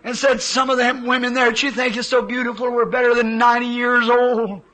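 A man's voice: extremely high pitch, level tone, moderate pace, pushed and bright, poor audio. A man preaching a sermon, fervently recounting a vision in folksy, plain-spoken grammar.

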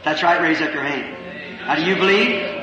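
A high-pitched man preaches at a healing revival, slow and emphatic, questioning the crowd. The old recording is muffled and heard from far off, in a big echoing hall with a long reverb and music underneath.

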